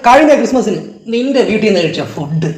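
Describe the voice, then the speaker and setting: An actor as a high-pitched, jovial young Malayali man. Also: expressive, quick pace. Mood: cheerful. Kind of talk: comedy sketch acting, casual banter. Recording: roomy echo, loud music behind.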